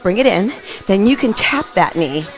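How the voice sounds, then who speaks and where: A woman's voice: mid-range voice, animated, moderate pace, low-quality recording. A middle-aged woman aerobics instructor calling out short, punchy, encouraging workout cues as she exercises. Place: open living room at home, indoors. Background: music.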